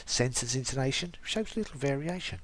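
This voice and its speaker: A man, an English teacher, reading a prepared explanation as scripted narration in a careful, even way. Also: medium pitch, fairly quick.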